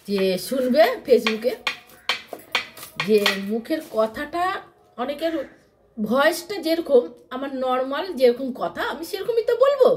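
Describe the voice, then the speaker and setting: A woman's voice: high voice, a little mellow, a little hiss or hum. A woman vlogger chatting casually to her followers from home, rambling and repeating herself, often mimicking how other people talk.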